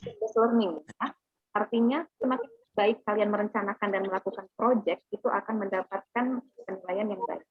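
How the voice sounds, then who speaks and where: A woman speaks a little fast in a steady, husky, medium-pitched voice, recorded dry. She's a teacher delivering a class briefing online, going over plans and often confirming students understand. The call audio is narrow and phone-like.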